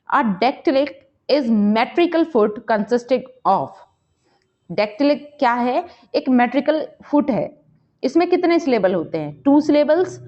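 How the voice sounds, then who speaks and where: A high-pitched woman teacher leads an exam-prep quiz lesson. She reads each question slowly and explains it quickly. The recording is muffled and lo-fi. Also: darkish tone.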